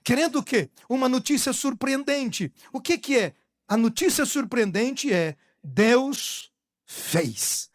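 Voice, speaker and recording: Brief: middle-aged male preacher, dry close sound, calls out lines again and again, loud then quiet. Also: very high voice, expressive, normal speed, no echo. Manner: repeats exhortations, swinging from shouted to hushed. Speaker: pastor. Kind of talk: live church sermon. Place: church service before a congregation.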